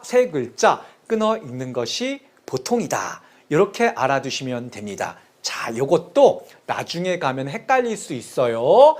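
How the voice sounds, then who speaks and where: A male teacher delivering a lecture at an unhurried, deliberate pace. His pitch rises and falls widely as he counts aloud and repeats key terms in a sing-song way so they stick. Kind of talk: classroom lecture on Chinese poetry.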